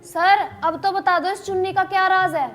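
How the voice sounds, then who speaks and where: An actress with a Haryanvi accent playing a cheeky, chirpy police constable. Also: female voice, very high-pitched, fairly even intonation, moderate pace, fairly bright tone, faint music behind.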